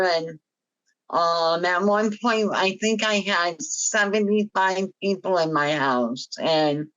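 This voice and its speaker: A woman in her fifties with a hypernasal, cartoon-like helium voice, telling her personal story haltingly on a panel. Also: lowish voice. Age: 50s. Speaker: panel guest sharing personal experience. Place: online video meeting. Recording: dull, lo-fi online meeting audio.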